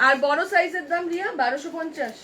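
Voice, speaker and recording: Kolkata Bengali shop seller, woman, live-stream pitch, very high and sharp, phone-mic sound. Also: fast talker. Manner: chatty, addresses viewers directly, counts off sizes. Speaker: online clothing seller. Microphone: phone camera.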